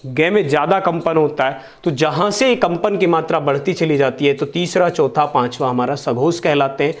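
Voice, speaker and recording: A young man teaching a grammar lesson, speaking slowly and repeating each sound for his pupils to copy. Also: fairly high pitch. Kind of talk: online Hindi grammar lesson.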